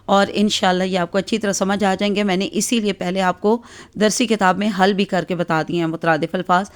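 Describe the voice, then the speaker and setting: A woman's voice: medium pitch, steady tone. Patient Pakistani Urdu teacher, woman. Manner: patient, explanatory, frequent "theek hai" check-ins and "aa" fillers. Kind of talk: exam-focused grammar lesson.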